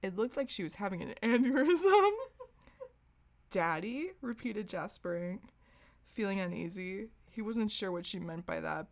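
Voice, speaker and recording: This woman has a gravelly, fairly low voice. She's a podcast host reading fan fiction aloud for comedy, giggling a lot, breaking into laughter mid-read and dropping in her own asides.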